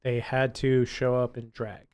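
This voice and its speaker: A woman's voice: extremely low pitch, level tone, measured pace, darkish tone, clear, resonant tone. A woman co-hosting a podcast who teases her co-host with dry quips. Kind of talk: casual chat.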